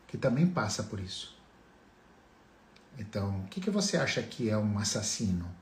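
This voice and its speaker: A man's voice: lowish voice, big pitch swings, normal speed, darkish tone, roomy sound, a little hiss or hum. A man giving a motivational talk on family healing, asking his listeners direct rhetorical questions.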